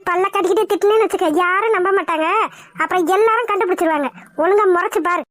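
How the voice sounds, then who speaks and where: Cartoon role: woman voicing a bossy young village woman, very high and bright, scolds fast. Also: dry recording. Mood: scolding. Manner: scolding, quick retorts. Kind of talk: cartoon voice acting.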